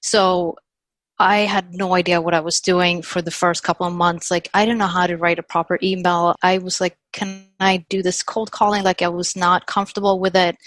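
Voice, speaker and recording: A woman in her thirties, from Sweden, telling her story as a podcast guest in a chatty, animated way. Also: lowish voice, normal speed, dry recording. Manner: chatty, animated retelling with quoted dialogue and frequent "like". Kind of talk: casual storytelling interview.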